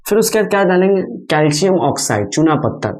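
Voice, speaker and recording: A man's voice: high voice, very animated, fast, a little mellow. A male chemistry teacher at a whiteboard who asks his students questions and answers them himself, counting atoms aloud one by one. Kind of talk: whiteboard lesson. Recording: echoey room, distant mic.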